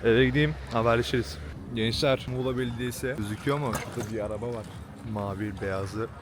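A man's voice: medium pitch, fairly even intonation, fast talker, reverberant, background noise. A young man vlogging casually at home, joking around and scolding his cat in slangy talk. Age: young adult. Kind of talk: casual vlog chat. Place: small home indoors.

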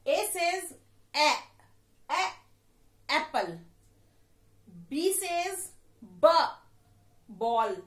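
Indian lady teacher doing phonics for kids, slow, leans on each sound, echoey. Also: high voice, fairly bright tone. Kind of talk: phonics lesson for children.

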